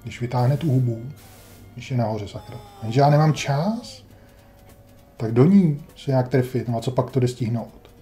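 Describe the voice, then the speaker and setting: Male let's-player, deep mellow tone, dry grumbling self-talk, light music underneath. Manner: wry, grumbling, talks to himself while playing. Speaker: gameplay commentator. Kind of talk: casual let's-play commentary.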